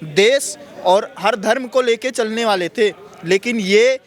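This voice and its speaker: High-voiced man answering in halting phrases. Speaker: interviewee on street. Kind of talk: street vox pop.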